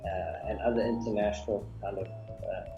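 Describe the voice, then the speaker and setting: A man with a South African accent talks easily about his work, pausing often on ums and uhs. He sounds like he is in an echoey room, heard through a dull, muffled webcam mic. Faint music sits behind him. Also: fairly low pitch, gravelly. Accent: South African English. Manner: relaxed, with frequent ums and uhs. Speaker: guest, business founder. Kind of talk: video call interview. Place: small home office indoors. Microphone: webcam on a video call. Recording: dull, roomy video call audio.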